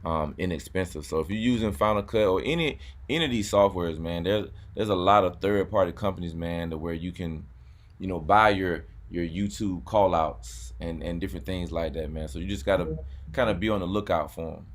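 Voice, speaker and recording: A YouTube car channel host chats casually in a deep voice at a brisk pace. He's laid-back, repeats his words, and says "man" a lot.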